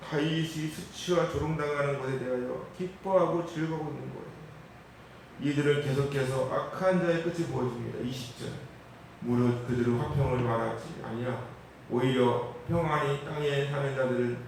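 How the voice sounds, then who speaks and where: A man's voice: medium pitch, normal speed, gravelly, darkish tone, a little hiss or hum. A man preaching a sermon as pastor, emphatic, often acting out mocking voices and checking in with listeners. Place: church sanctuary. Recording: very echoey room, mic at a distance.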